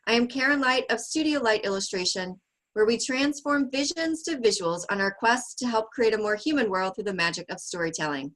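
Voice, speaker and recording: A woman's voice: fairly high pitch, animated, fairly quick, fairly bright tone, rough recording. A woman hosting a podcast interview, opening with a polished, upbeat scripted introduction. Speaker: podcast host.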